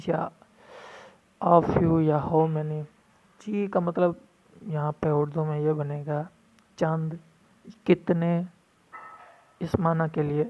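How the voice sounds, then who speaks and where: A man teaching vocabulary, repeating each new word several times in a firm drill and mixing English glosses into his explanations. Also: on the high side. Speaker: language teacher. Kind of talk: vocabulary lesson. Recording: dull lo-fi recording.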